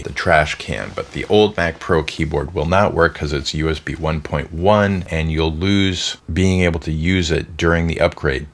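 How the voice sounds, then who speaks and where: A man with a very low voice, nasal and stuffy from a cold. He narrates a tech tutorial in an easygoing way, explaining each step as he goes. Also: fairly bright tone. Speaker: tech channel host.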